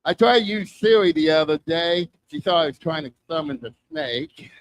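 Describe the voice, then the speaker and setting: A man's voice: fairly high pitch, normal speed, slight background noise. An older man doing self-deprecating, crude stand-up comedy, with a strong lisp and wet, whistling s sounds. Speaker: stand-up comic. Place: live comedy open mic show.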